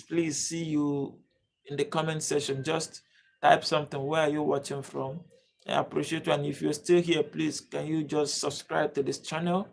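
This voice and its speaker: A Nigerian man hosts and teaches a live-streamed lesson, repeatedly pleading with viewers to comment and subscribe. His voice is a little high and has vocal fry.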